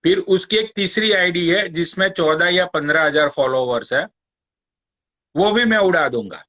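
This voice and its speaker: A man's voice: high-pitched, normal speed, bright, forceful tone. A man hosting a live stream, ranting sarcastically and taunting a rival, swearing often. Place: Long Island, New York.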